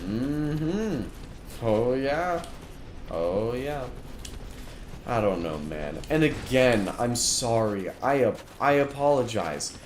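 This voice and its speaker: A man's voice: medium pitch, big pitch swings, slow. A man streaming a game, giving live let's-play commentary in an exasperated rant, with frequent restarts. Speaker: gaming streamer. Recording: echoey room with background noise.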